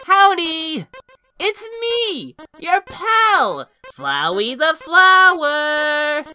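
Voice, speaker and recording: Gleeful villainous flower: high, swooping, very slow, sugary menace, cartoon dub, music underneath. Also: wildly swooping pitch, dry recording, full character voice. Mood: mock cheerful. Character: shrill, gleeful, menacing talking flower, falsely friendly. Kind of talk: cartoon comic dub acting. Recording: loud music behind.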